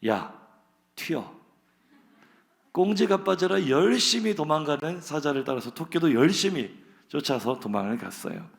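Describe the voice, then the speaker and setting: A man's voice: a little high, animated, moderate pace, gravelly. A male pastor giving a sermon, opening with a joke story and speaking in an earnest, conversational way. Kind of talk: sermon with a humorous story opener. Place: church sanctuary.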